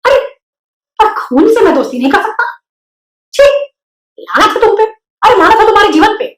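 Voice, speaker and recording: A woman voicing a lonely, eager young male pig who calls out loudly and pleads. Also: very high voice, moderate pace, voice pushed up. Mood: shocked. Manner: loud, pleading, exclaims a lot. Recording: roomy echo.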